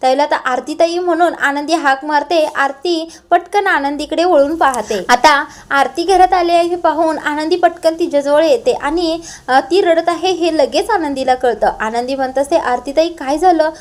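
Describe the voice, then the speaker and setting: Woman voice-over narrator with a high voice, recaps a TV serial episode and reads out every character's lines without changing her voice. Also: moderate pace. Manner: quotes each character's lines in her own plain narrating voice.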